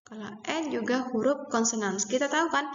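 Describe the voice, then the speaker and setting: A woman with an Indonesian accent teaching English grammar, slowly spelling out letters and repeating examples. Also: sits high. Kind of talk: explaining English grammar lesson. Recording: roomy, reverberant, dull with faint noise.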